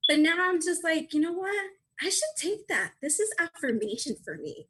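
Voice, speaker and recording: A woman's voice: extremely high pitch, very animated, moderate pace, a bit bright, rough recording. A woman in her thirties doing a chatty, self-deprecating stand-up set over a video call. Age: 30s. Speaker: stand-up comedian.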